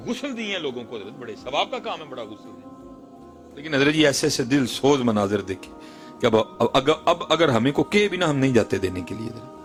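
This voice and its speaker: A man in his thirties with a Punjabi accent, preaching an emotional sermon and telling stories, with loud outbursts and hushed lines in turn. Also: mid-range voice, sing-song, faint music behind.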